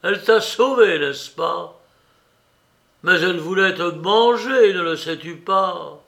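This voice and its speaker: A man reading aloud, voicing a cynical, mocking young man who jeers loudly with irony. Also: sing-song, takes it slowly. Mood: sarcastic. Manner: loud, sarcastic, high-pitched jeers.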